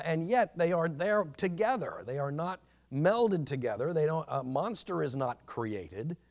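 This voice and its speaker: A man teaching a church history class in an informal lecture, earnest and halting, with many restarts and fillers. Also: mid-range voice, darkish tone.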